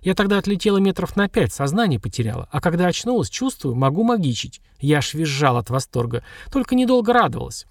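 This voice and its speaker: A woman's voice: low voice, very animated, fast talker, few pauses, no room sound, pitched above the performer's own voice, exaggerated voice. A male reader voicing an old village witch woman who heals, knowing and grumbling, with a dry chuckle. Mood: confiding. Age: older.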